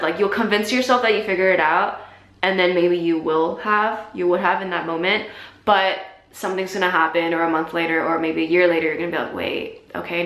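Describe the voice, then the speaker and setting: Chatty young woman with gravelly fry. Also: fairly low pitch, reverberant. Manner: chatty and self-deprecating, laughs often, trails off softly. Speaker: YouTuber answering viewer questions. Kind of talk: casual Q&A chat reading comments.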